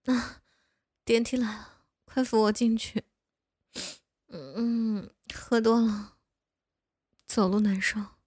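A woman's voice: on the high side, no echo, clean studio sound. A young woman voicing a bossy but caring older neighbor woman who scolds and coaxes the listener in a one-sided audio role-play. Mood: tipsy. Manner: playful scolding, coaxing.

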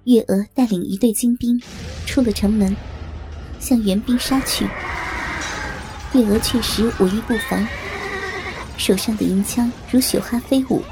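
A woman storyteller narrating a historical tale in a steady, even-paced reading. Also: on the high side.

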